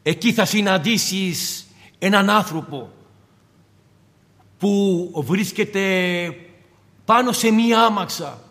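Fervent high-voiced male preacher in a hall. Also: long pauses, fairly bright tone. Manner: fervent preaching, dramatizes quoted dialogue. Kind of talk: sermon. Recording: long hall reverb.

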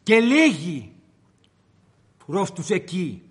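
A man's voice: high voice, big pitch swings, husky, big-room sound. A man preaching a sermon, retelling the story dramatically and addressing the congregation directly.

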